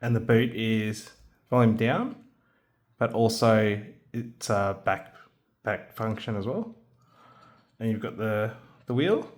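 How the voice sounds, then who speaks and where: A father of a young son shows off a handheld radio kit in a casual hands-on demo, hesitating with frequent ums and restarts. He speaks slowly in a lowish voice, leaving long pauses.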